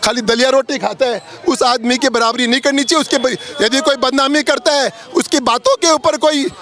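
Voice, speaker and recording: A man's voice: extremely high pitch, normal speed, a bit bright. A man from Jaipur in Rajasthan, answering a street interview in a fervent, emphatic, speech-like way. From Jaipur, Rajasthan, India.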